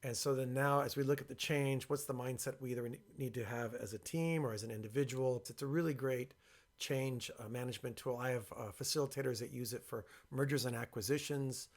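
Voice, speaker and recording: A man presenting informally and explaining his work, speaking with a box over his head, in a creaky voice. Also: medium pitch, steady tone, fairly quick. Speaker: workshop creator and presenter.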